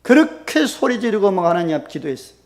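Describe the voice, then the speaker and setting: Man, pastor, sermon, high voice, gravelly, lively pitch, loud bursts and soft drops. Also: fast talker. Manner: animated preaching, acting out quoted prayers with sudden loud bursts and soft drops.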